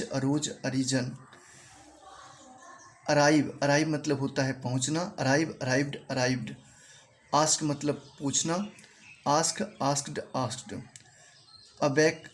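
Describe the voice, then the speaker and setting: A man with an Indian accent teaches English verbs in a measured, repetitive classroom way. His voice sits a little high, and he says each word slowly, often more than once. A faint hiss of background noise runs under the recording. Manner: repeats each word slowly, drilling pronunciation. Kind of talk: spoken language lesson.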